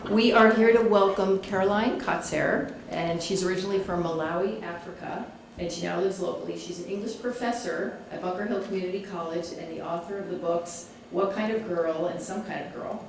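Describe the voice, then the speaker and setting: A woman's voice: lowish voice, fairly quick, gravelly, distant mic, a little hiss or hum. A woman organizer welcoming an audience and formally introducing the guest speaker. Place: community hall. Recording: echoey hall recorded from afar.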